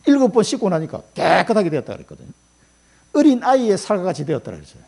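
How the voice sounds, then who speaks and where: A man's voice: sits high, wildly swooping pitch, fast, vocal fry, darkish tone. A middle-aged male pastor preaching a sermon in a colloquial storytelling way, acting out quotes as he goes.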